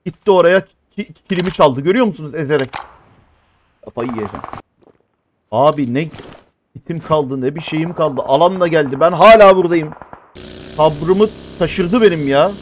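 High-voiced man ranting over gameplay. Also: moderate pace, long pauses, slight background noise. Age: 30s. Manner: animated, cursing and complaining at teammates. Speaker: mobile game streamer. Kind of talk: excited gameplay commentary.

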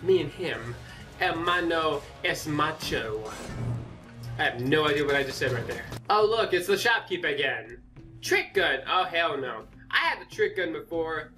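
A young man hosting a casual let's-play, excitable, yelping and swearing as he plays. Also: fairly high pitch, a little slow, distant mic, soft background music. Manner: excitable, yelps and swears at the game. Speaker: gaming channel host.

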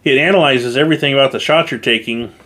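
A man's voice: medium pitch, quick pace, bright, forceful tone. A man hosting his own channel, talking casually to camera in a product review, with lots of fillers and restarts. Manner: chatty, with frequent fillers and restarts. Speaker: YouTube channel host reviewing gear.

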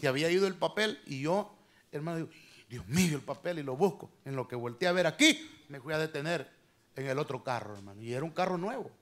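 High-voiced emphatic preaching pastor. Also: male voice, expressive, fast talker. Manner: conversational preaching, often addressing "hermano"; swings between soft asides and loud emphatic lines. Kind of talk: sermon. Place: church.

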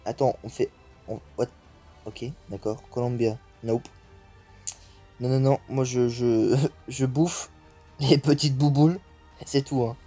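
A young man giving excitable commentary as he plays a game, swearing often and dropping English exclamations into French. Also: mid-range voice, takes it slowly, pauses often, slightly rough, faint music behind. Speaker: gaming YouTuber. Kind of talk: live gameplay commentary.

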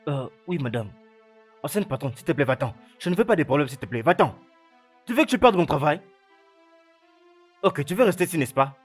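A man's voice: on the high side, very animated, a little fast, long pauses, husky, faint music behind. A man voicing a nervous, obedient gatekeeper servant in a French film dub, answering deferentially.

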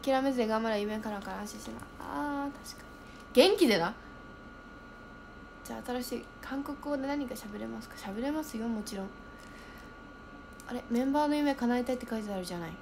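A young woman chatting casually on a livestream, reading viewer comments aloud and thinking out loud as she reacts. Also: fairly high pitch, brisk, vocal fry, long pauses, noisy background.

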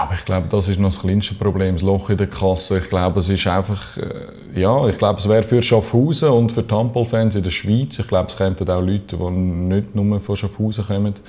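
A young Swiss man, a handball player, answering in a studio interview with measured, hesitant phrasing. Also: low-pitched, dark tone. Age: young adult. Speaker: professional handball player, team captain. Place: small TV studio.

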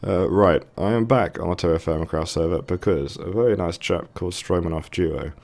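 A gaming video host with a low, fairly quick, creaky and slightly mellow voice gives casual, hesitant let's play commentary. His voice sounds thick and sore-throated, and he muses to himself as he goes.

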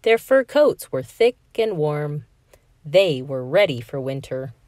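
A woman reading a children's picture book aloud in an expressive, sing-song storytelling manner. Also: sits low, slow, dry recording, clean studio sound.

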